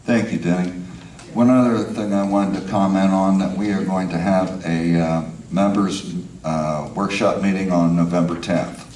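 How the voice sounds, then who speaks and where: A man's voice: low voice, fairly even intonation, moderate pace, a little mellow. A man chairing a community board meeting, speaking through a face mask. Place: indoor meeting room, far from mic. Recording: distant, echoey meeting room with noise.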